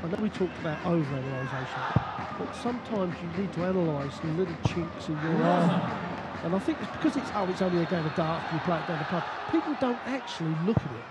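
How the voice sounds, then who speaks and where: A man's voice: on the high side, lively intonation, fast. A man giving live darts commentary in a colloquial, explanatory way. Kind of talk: live sports commentary, conversational analysis. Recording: loud crowd and venue noise. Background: noisy darts crowd.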